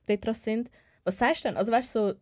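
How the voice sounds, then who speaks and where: A woman's voice: fairly high pitch, fast talker. A young woman with a Swiss German accent, a nurse talking frankly and casually on a podcast, restarting sentences and laughing easily. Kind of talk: casual chat.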